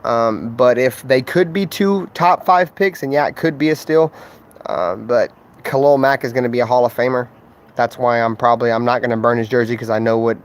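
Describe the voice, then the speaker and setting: A man talking sports on his own livestream at a middle pitch, trash-talking in a loose, profane, slang-filled way. He rambles and keeps circling back with fillers. The delivery is casual and unscripted.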